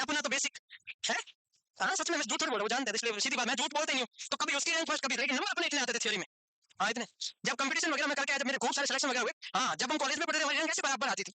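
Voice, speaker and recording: A man's voice: extremely high pitch, sharp tone, dry recording. A male nursing teacher lecturing his class, breaking off into chatty, teasing stories and jokes with his students. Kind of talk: classroom lecture with joking asides.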